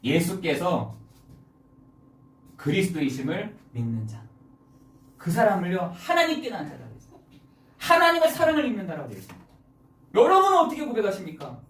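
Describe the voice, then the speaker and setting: Rich: A pastor delivers a Sunday sermon with a lively voice that rises and falls a great deal, firing rhetorical questions at the congregation. The voice rings through a roomy church hall, picked up from some distance off the mic. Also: medium pitch, brisk, long pauses. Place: church sanctuary.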